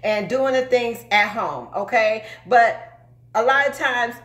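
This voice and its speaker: A woman's voice: a little high, slow pace, a bit bright, echoey room. A woman in her forties giving an emphatic motivational talk to viewers, often checking in with "okay?". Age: 40s. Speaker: truck driver and recruiter.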